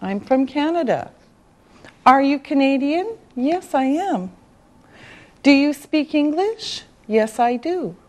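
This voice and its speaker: A woman's voice: high-pitched, lively intonation, takes it slowly. A woman teaching a beginner language lesson, speaking with careful enunciation and repetitive drilling. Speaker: English teacher.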